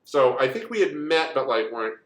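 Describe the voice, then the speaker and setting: Animated man in his forties, echoey room. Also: mid-range voice, a little fast. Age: 40s. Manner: animated, rambling with many asides and fillers. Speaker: co-host. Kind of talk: casual storytelling chat.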